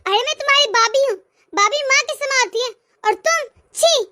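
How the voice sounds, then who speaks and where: A defiant young widowed daughter-in-law from a cartoon, voiced by a woman. Her voice is very high and bright, full of indignation and pleading. The sound is dry. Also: normal speed, no echo. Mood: indignant. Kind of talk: cartoon voice acting.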